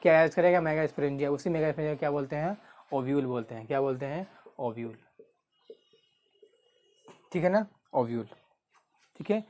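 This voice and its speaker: A man tutoring biology in an exam-prep lecture, repeating key terms slowly and asking questions that he answers himself. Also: a little high, darkish tone.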